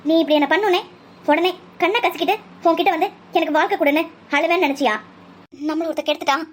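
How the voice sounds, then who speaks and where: A woman's voice: very high-pitched, fairly even intonation, fast talker. A woman voicing a fierce young woman doctor who takes revenge in a cartoon, scolding and declaiming with fiery force. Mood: anguished anger. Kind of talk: cartoon voice acting.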